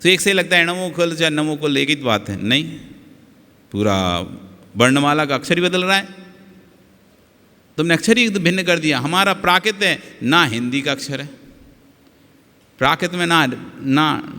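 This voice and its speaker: Bright-voiced monk preaching in a reverberant hall. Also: male voice, a little high. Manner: emphatic, repeats words to drill pronunciation. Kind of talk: sermon.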